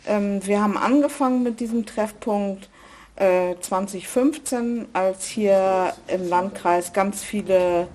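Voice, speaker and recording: A woman's voice: mid-range voice, slow, a little mellow, a little hiss or hum. A woman who organizes a volunteer meeting place, talking in an earnest, emphatic way and often ending with tag questions. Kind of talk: conversational interview.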